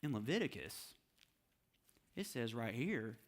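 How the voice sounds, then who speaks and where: A man voicing a scheming religious leader who sways a crowd in a hushed, sly, persuasive tone. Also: mid-range voice, level tone, fast talker, smooth, voice pushed down, natural voice. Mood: conspiratorial.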